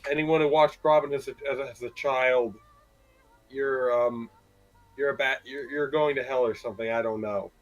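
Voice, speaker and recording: A man's voice: mid-range voice, steady tone, normal speed, dull audio. A man running a tabletop game as game master, recapping in a casual, rambling way with many fillers.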